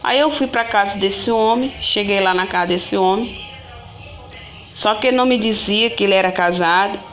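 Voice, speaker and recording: A woman tells her own story to her viewers in a loose, rambling way. She repeats herself, restarts phrases and keeps turning to the audience, at an ordinary middle pitch. Soft music plays faintly behind her. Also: moderate pace. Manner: rambling and repetitive, often restarting and addressing viewers directly. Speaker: vlogger. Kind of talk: casual personal storytelling to viewers.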